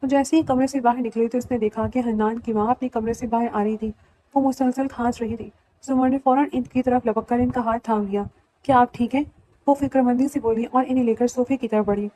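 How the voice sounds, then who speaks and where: A woman narrating a romantic novel as an audiobook, in steady storytelling. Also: fairly high pitch, rough recording. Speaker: novel reader.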